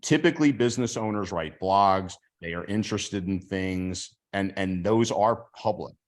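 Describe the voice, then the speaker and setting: A man hosting a casual video call, talking in an animated way and acting out sample sales pitches. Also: normal speed.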